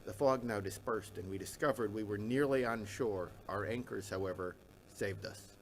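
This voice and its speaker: A reluctant, anxious eighteenth-century minister tells of his troubles in formal, measured language, as a man reads him. The read is steady and plain. It sounds like a memoir read aloud. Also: on the low side, a little hiss or hum, natural voice, rough recording. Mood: recounting. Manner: measured, formal period diction. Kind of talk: reading a first-person memoir aloud.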